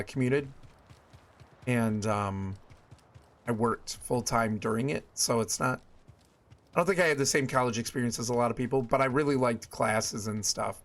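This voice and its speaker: Over game music, a man live-streams a video game and chats casually with his viewers, exclaiming at small things. His voice is medium-pitched and a little bright.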